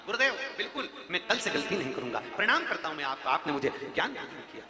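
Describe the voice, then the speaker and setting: Humble devout temple reader, earnest and pleading, high voice in a reverberant hall, voiced by a male preacher. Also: very animated, fast talker. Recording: echoey hall with music behind.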